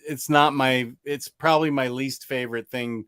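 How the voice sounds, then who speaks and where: A middle-aged man from the US hosts a loose comics chat and reads out viewer questions. He rambles and restarts mid-sentence, with plenty of chuckling. His voice sits at a medium pitch and sounds close and dry, with no room around it. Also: steady tone, normal speed, a bit bright, clean tone, no room sound. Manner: rambling, self-interrupting, chuckles often. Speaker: comics channel host.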